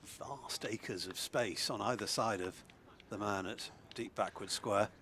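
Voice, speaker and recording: Male cricket commentator, slightly low pitch, measured and understated, live match call. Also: a bit bright, slight background noise.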